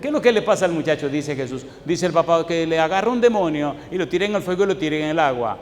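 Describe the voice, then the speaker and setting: A man's voice: fairly high pitch, lively intonation, quick pace. A male pastor preaching a sermon, telling stories from his own life and pressing the congregation with rhetorical questions. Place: church hall. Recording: echoey hall, faint background noise.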